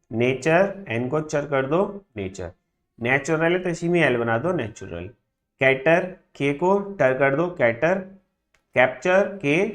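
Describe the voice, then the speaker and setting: A man teaching a shorthand class who says each word slowly and more than once, and often stops with a quick question to check that the students are following. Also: mid-range voice. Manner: drills words by repeating them slowly, checks understanding with frequent tag questions. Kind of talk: classroom lesson.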